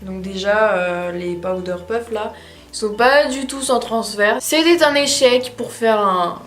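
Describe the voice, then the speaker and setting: A woman talks through a makeup test in a loose, rambling way, often pausing to hesitate. Her voice rings in an echoey room, with faint music underneath. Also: mid-range voice, fairly bright tone. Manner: chatty, rambling, frequent hesitations. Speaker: beauty vlogger. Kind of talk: casual makeup tutorial chat.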